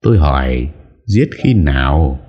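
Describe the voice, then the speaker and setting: A man voicing a young husband who interrogates forcefully in an audiobook. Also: a bass voice, animated, measured pace, slightly rough, muffled recording, heavily acted. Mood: interrogating. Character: angry young husband, commanding and grief-stricken. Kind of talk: audiobook character voice.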